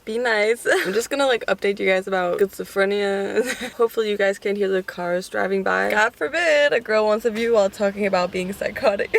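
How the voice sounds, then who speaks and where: A young woman chats through a casual eating vlog, giggling often and swearing freely. She talks at an ordinary, middle pitch, near a road where cars pass. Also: fairly quick, vocal fry. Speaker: vlogger. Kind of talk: casual mukbang chat.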